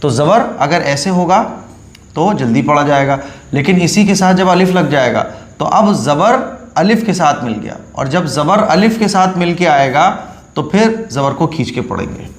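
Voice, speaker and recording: A man gives a patient Quran reading lesson in a slightly raised voice. He drills each letter slowly and repeats the rule often. The room around him is echoey. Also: on the high side, expressive.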